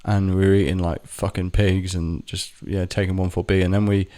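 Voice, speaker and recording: A man's voice: low-pitched, little pitch movement, moderate pace, dark tone. A man telling a rambling, sweary personal story to camera, often stopping to correct himself. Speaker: vlogger. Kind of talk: casual storytelling monologue.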